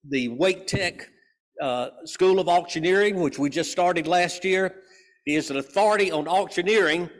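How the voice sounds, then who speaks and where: A man in his seventies giving a halting, informal introduction of a speaker. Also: a little high, a bit bright. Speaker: club member introducing speaker. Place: hall stage at a podium. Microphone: podium microphone.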